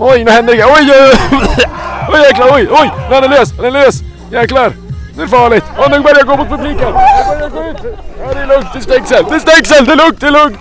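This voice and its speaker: En man som kommenterar ett spel live, andfådd och full av utrop. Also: very high voice. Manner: breathless, keeps saying "oj" and "nu". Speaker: game commentator. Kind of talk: excited play-by-play game commentary.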